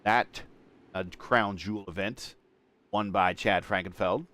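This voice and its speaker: As lead commentator for an online sim racing broadcast, a man calls the play-by-play a little slowly, staying steady through caution laps and rising in pitch and volume at restarts.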